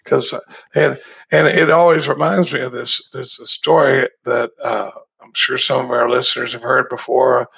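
A man, telling his story as an interview guest in a relaxed, folksy way with a gravelly, husky voice. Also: mid-range voice, normal speed, rough recording. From Dallas, Texas. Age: 60s. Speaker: guest in recovery. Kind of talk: conversational storytelling.

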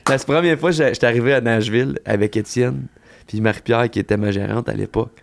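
Laughing Quebec French storyteller. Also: male voice, medium pitch, fast talker, gravelly. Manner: animated storyteller, laughs, drops into impressions. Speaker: guest, country singer. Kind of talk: casual podcast chat.

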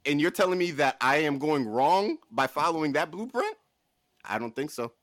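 Here the podcast host has a higher, sing-song voice, a little bright, at normal speed. Recorded dry in a clean studio, he argues emphatically in casual comic debate with mock incredulity.

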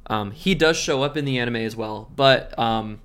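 A man's voice: medium pitch, moderate pace, a bit bright, smooth. A man co-hosting a podcast in casual chat, easygoing, asking questions and nudging the talk along.

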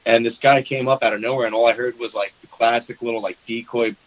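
A man's voice: medium pitch, fast, rough recording. A man chatting casually about duck hunting, telling stories and acting out the quotes. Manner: animated storyteller, acts out quotes.

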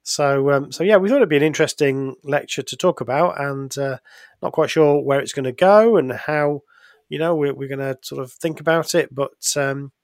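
Brief: middle-aged male podcast host, halting casual chat, dry close sound. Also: on the high side, no echo. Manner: hesitant, many ums and restarts.

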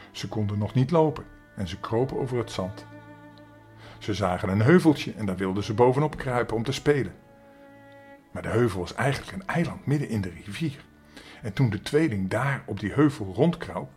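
An older man telling a storybook tale to young children, gentle and expressive, speaking to them directly. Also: lowish voice.

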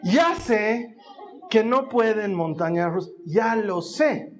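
Slow and high-voiced, a man delivers a sermon built around a family story, bringing it to life by voicing every person in it.

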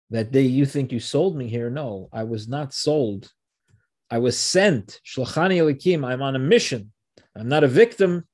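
Teaching from the Torah, a man with a medium-pitched, darkish voice reads each verse slowly before translating and explaining it. Rhetorical questions come up often along the way.

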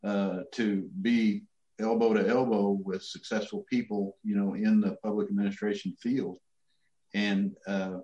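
A middle-aged man gives casual interview answers in a low-leaning voice. He is folksy and halting, pausing often. The sound is muffled, with a strong room echo. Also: flat delivery, mellow. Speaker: interview guest, city manager.

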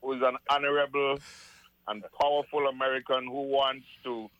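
A man's voice: mid-range voice, flat delivery, moderate pace, no room sound, lo-fi sound. A man who is an attorney, calling in as a guest on political talk radio, speaking emphatically.

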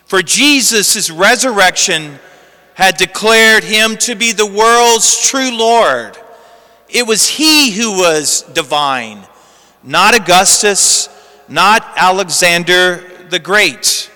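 A male priest speaks from the pulpit with long cathedral reverb trailing his words. His voice is fairly high, bright and clear. He preaches with measured emphasis and deliberate pauses. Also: expressive. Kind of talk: homily and Gospel reading. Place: large reverberant church.

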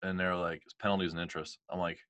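Deep, bright-voiced man telling a story. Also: fast talker, no room sound. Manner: animated, quotes others, many fillers like "like" and "you know". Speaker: guest telling his story. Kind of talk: casual storytelling.

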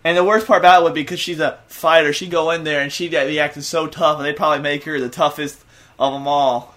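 A man co-hosting a casual podcast, talking in an animated, argumentative way. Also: a little high, fast talker. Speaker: podcast co-host. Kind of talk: casual chat.

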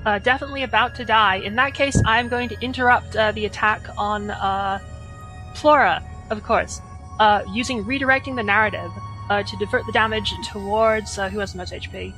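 A woman's voice: mid-range voice, steady tone, bright, forceful tone, rough recording. A woman improvising casually as a tabletop game player, hesitant and often correcting herself. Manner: hesitant, halting, self-correcting. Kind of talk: casual improvised role-play. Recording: faint music behind.

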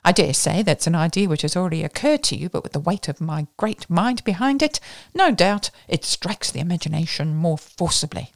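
Australian woman doing a flippant posh gentleman sleuth. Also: fairly low pitch, animated, vocal fry, no echo, studio quality. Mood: airy. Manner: breezy, rapid, self-mocking. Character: flippant upper-class English gentleman sleuth, male.

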